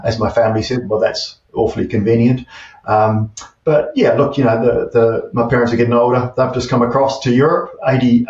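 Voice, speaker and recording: Halting New Zealand man, roomy distant sound. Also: medium pitch, darkish tone. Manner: hesitant, many fillers and restarts. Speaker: guest, tech CEO. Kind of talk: casual interview chat. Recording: distant, dull, roomy remote audio.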